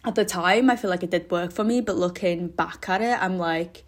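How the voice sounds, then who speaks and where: Young woman, lowish voice, solo podcast host, rambly, candid, sweary, self-deprecating. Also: moderate pace. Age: young adult. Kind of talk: casual solo podcast chat.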